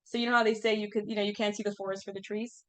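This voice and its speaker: A woman's voice: mid-range voice, level tone, racing, fairly bright tone. A woman in her thirties teaching an informal class, chatty and full of fillers, asking the group questions as she goes.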